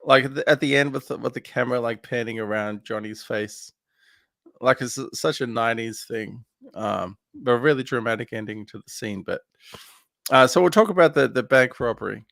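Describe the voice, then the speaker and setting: A man's voice: medium pitch, moderate pace, creaky, a bit bright, no room sound. A man co-hosting a casual film podcast, recapping scenes in a rambling way with lots of fillers. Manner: rambling recap with many fillers, laughs easily. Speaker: podcast co-host.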